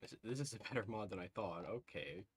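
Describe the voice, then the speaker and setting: Guy on a headset mic livestreaming a game, lowish voice, keeps going ooh, faint hiss behind. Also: animated, brisk. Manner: thinks aloud, reacts with frequent "ooh"s and small laughs. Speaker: streamer. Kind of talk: live gameplay commentary, talking to chat.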